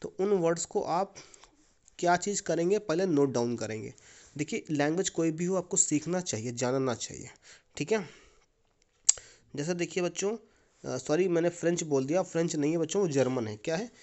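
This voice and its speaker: A man's voice: a little high, expressive, moderate pace, darkish tone. A man with an Indian accent, a school English teacher, explaining a lesson patiently to his students and repeating key points. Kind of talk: classroom lesson video.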